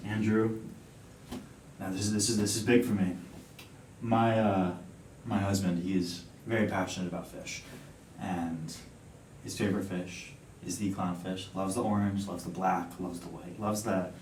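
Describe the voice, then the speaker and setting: A young man with a deep voice talks as a client in a role-play conversation. He is deliberate and playfully emphatic, recorded away from the mic in a roomy space with faint noise. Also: little pitch movement, darkish tone. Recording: echoey room, distant mic, faint rumbling noise.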